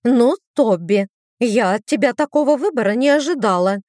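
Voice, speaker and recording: A woman voicing a haughty young female demon sister who squeals her indignant exclamations in a raised, shrill voice. The lines are read close to the microphone, with no room sound. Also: measured pace, darkish tone, dry recording, natural voice.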